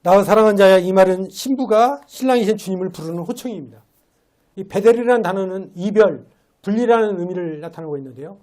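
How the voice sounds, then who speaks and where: A man's voice: sits high, a little fast, a little mellow. A man giving a sermon as a lay preacher in a church, talking in a conversational way and asking rhetorical questions. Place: church sanctuary.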